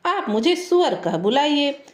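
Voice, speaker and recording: A self-important young groom with a foolish scholar's pride, as a woman storyteller puts him on, lecturing and scolding in a pedantic tone. The voice sits high and swings widely in pitch. It is heard in an echoey room. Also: very animated, a little slow. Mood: pompous.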